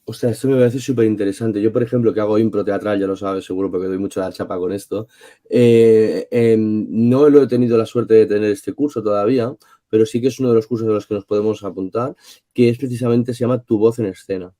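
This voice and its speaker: Dark-voiced man asking rambling questions. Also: lowish voice, fairly even intonation, fast. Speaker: podcast host. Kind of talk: casual podcast chat.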